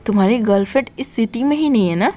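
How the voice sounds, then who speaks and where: A woman's voice: fairly high pitch, expressive, fast, dark tone, muffled recording, slight background noise, natural voice. A woman voicing a bewildered young man who suddenly hears other people's thoughts and struggles to explain. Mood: insistent.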